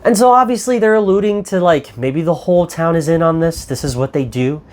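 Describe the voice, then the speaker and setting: A man's voice: fairly high pitch, fairly quick, a little mellow. Exasperated swearing male film reviewer. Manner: exasperated, profane, rambling. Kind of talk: ranting movie review.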